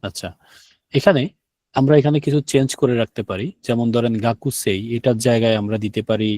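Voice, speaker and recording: A man's voice: mid-range voice, fairly even intonation, a little fast, darkish tone, no echo. A man teaching an online language class, explaining step by step and asking his students questions. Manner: explains step by step, asks the students questions and repeats key words.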